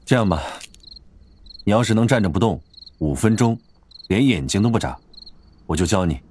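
A man playing a cool-headed, teasing and quietly protective young man in an audio drama, speaking offhandedly. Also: fairly low pitch, expressive, normal speed, a little hiss or hum, natural voice. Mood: teasing challenge.

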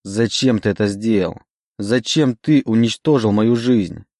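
A man voicing a grief-stricken young man who shouts in anguish at the demon inside him, in an audiobook reading. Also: fairly low pitch, normal speed, no room sound, studio quality, close to an everyday voice. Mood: furious. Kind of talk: audiobook character voice.

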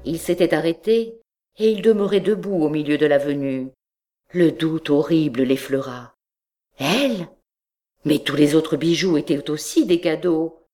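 A woman reading a classic story aloud as an audiobook, in measured narration. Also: low-pitched, fairly even intonation, warm tone, soft background music. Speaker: audiobook reader.

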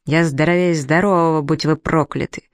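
A man voicing a hot-tempered elderly male professor who shouts and rants in fury, read from a storybook. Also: fairly high pitch, fairly even intonation, moderate pace, no room sound, clean studio sound, lightly acted. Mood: furious. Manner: shouting, furious, exasperated.

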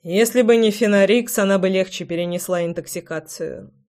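A reader voicing Damien, a calm young man who speaks in a dry way. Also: sits high, fairly quick.

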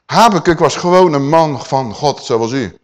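A man preaching a sermon, dramatic, swinging from loud declaiming to quiet asides and asking his listeners questions. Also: on the high side, expressive, moderate pace. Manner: addresses listeners with rhetorical questions.

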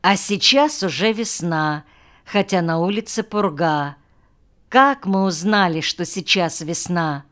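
A patient village schoolteacher, as a woman reader plays him speaks in a mildly chiding, coaxing way, asking his pupils question after question. The voice is smooth and clear, and it moves slowly. This comes from a storybook audiobook. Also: lowish voice, fairly bright tone. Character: patient male village schoolteacher, gently reproachful. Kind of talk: audiobook character voice.

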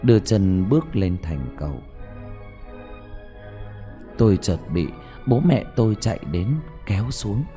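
A man reading a first-person story aloud in a slow, emotive, mournful narration. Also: fairly low pitch, expressive. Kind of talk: dramatic audiobook narration. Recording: soft music bed behind.

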